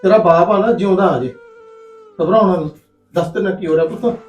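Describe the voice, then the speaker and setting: An actor playing a worried older village father who pleads gently with his daughter, speaking Punjabi with a local accent. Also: sits high, quick pace, lo-fi sound, close to an everyday voice. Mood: pleading. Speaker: father-in-law, father of the bride. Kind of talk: short film drama acting. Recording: roomy sound with soft music behind.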